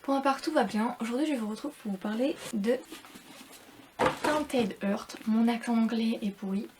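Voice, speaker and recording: A woman's voice: fairly high pitch, steady tone, fairly quick, background noise. A young woman, reviewing a book in a casual, rambling vlog full of repeats and fillers.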